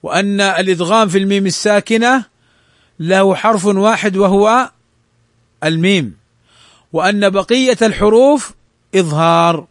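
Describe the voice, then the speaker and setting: A man teaching the rules of Quran recitation, explaining a text and slowly reciting examples to show each rule. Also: sits high, dry recording, clean studio sound. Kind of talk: tajweed lesson explaining a text.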